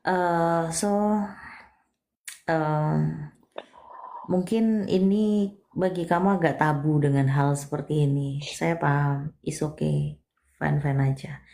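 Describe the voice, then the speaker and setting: A woman reading a listener's palm in a live session, speaking softly and coaxingly, calling her darling, dropping English words into her talk and often sinking to a breathy near-whisper. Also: low voice, steady tone, takes it slowly, long pauses, slight background noise. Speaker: palm and spiritual reader.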